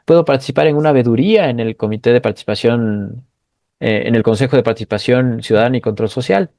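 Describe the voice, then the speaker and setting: A man at a mid pitch speaks as the guest of an online interview, earnest and explanatory. He sometimes stumbles over repeated words while he thinks. The call audio is dry and close. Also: fast, mellow, no echo. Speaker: guest economist. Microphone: video call.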